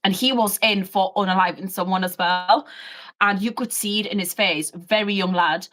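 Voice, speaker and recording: A woman, a former prison officer, tells workplace stories in a blunt, animated way and swears freely. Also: medium pitch, normal speed. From United Kingdom. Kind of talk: casual storytelling chat.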